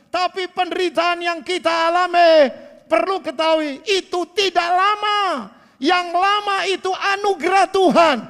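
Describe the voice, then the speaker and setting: Man in his sixties, pastor, sermon, high voice, long hall reverb, loud bursts and soft asides. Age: 60s. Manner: preaching with rising bursts and dropping to quiet asides. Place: church sanctuary.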